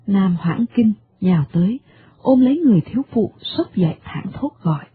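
A woman's voice: medium pitch, moderate pace, a little hiss or hum. A woman narrating a radio drama expressively, over a tinny medium-wave broadcast. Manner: expressive storytelling.

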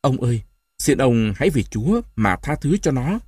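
A man voicing a gentle old grandmother who speaks softly and earnestly, in an audiobook reading. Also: medium pitch, big pitch swings, moderate pace, husky, dry recording, clean studio sound. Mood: pleading. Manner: soft, earnest, soothing.

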